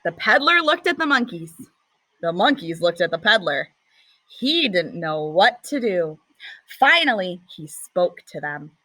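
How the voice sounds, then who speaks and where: A woman teacher reads a picture book to young children at an unhurried pace, her tone bright and her pitch swooping expressively. She stops to ask her listeners questions, and the sound is close and dry. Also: very animated, no echo, poor audio.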